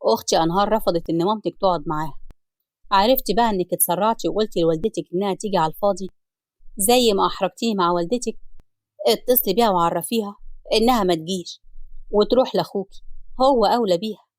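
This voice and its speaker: A woman's voice: mid-range voice, rapid-fire, a little mellow, no room sound, natural voice. A woman with an Egyptian accent voicing a frustrated husband caught between his wife and his sister, in a storybook reading. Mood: torn, pleading. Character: frustrated middle-aged husband, torn between family.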